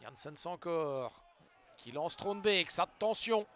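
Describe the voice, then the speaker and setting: A man giving excited sports commentary on a football match, swinging between hushed build-up and loud exclamations. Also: on the high side, slow.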